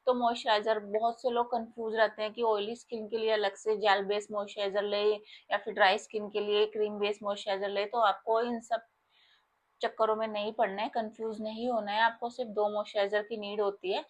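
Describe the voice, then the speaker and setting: A woman's voice: medium pitch, flat delivery, brisk. A young woman with an Indian accent walks through her makeup artist's kit in a casual, chatty way. She explains each product step by step and speaks straight to her viewers.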